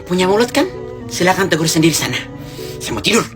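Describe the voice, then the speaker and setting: A woman's voice: lowish voice, very animated, fast, over music. Woman doing a rude haughty bus mother. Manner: scolding, dismissive.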